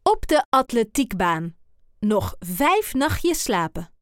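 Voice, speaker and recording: A woman reading a children's picture book aloud in an expressive, deliberate way. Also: a little high, no room sound, clean studio sound. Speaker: storyteller.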